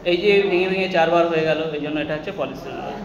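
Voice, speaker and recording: A Bengali-accented man teaching a class, with a high voice that rings around an echoey classroom. The long reverb trails after each phrase and faint noise hums underneath. He explains step by step and quizzes his students as he goes. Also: dull audio. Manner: explains slowly, asks students questions and answers them himself. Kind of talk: classroom English grammar lesson.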